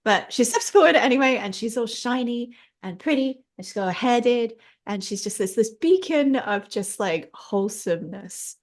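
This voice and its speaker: A woman's voice: on the high side, expressive, moderate pace, hardly any pauses. A woman playing in a tabletop game, describing her character in a bubbly, chatty way. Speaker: player. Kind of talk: tabletop roleplay narration.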